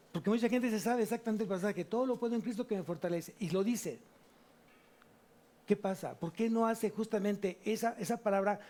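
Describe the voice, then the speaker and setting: Speaking into a church microphone, a high-voiced male pastor delivers a sermon. He keeps posing questions and then answering them himself, his delivery lively and full of stops and restarts.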